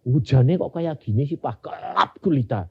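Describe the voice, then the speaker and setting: An older man with a Javanese-inflected Indonesian accent preaching a sermon, telling stories and acting out the dialogue, swinging from loud bursts to near-whispers. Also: medium pitch, animated, moderate pace, creaky, slightly rough, highs cut off. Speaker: pastor. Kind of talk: sermon with anecdotes.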